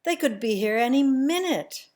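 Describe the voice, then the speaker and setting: A woman telling a family story in the first person, slow and emotional, sometimes dropping to a hushed near-whisper. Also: high-pitched, expressive.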